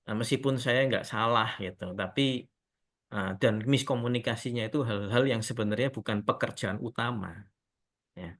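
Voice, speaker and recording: A man telling a testimony story in a relaxed, conversational way, often addressing his listeners as friends. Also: mid-range voice, normal speed. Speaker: speaker giving a testimony.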